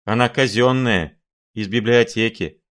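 A man doing a shrill surly lout. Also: measured pace, fairly bright tone. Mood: sulky shrill. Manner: shrill squealing retorts. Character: crude, surly young man, shrill and defiant.

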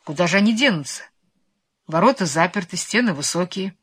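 A woman reading a children's story aloud in an expressive, animated, playful way. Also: lowish voice, fairly quick, slightly rough.

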